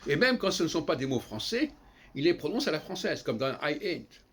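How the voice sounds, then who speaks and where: A man giving an unscripted, lecturing monologue on language, halting and digressive with frequent restarts. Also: on the high side, sing-song, husky. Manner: lecturing, explanatory. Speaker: solo commentator on language.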